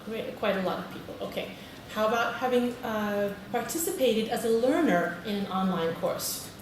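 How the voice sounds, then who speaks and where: In a noisy, echoey recording made with a distant mic, a woman from Britain presents at a conference in a large hall. She is a teacher trainer with a medium-pitched voice and moderate pace, friendly in manner, polling listeners and using "okay" frequently.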